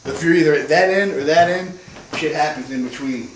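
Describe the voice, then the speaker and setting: A man's voice: on the high side, fairly quick. A man guiding a tour of an old house, telling ghost stories in a loose, chatty way and swearing freely. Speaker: guide at a historic house. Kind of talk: casual storytelling on a ghost tour. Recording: echoey room, distant mic, noisy.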